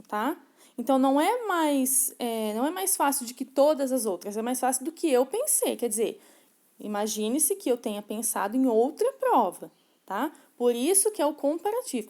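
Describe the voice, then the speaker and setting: A woman teaching English grammar to learners, patiently explaining, checking in with short tags and slowing down to read example sentences. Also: sits high, a little mellow.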